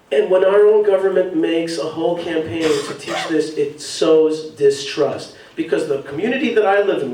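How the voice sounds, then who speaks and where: A man's voice: high-pitched, roomy sound, far from the mic, rough recording. A man giving an emphatic public speech from a podium at an evening event, repeating and building his phrases. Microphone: podium mic.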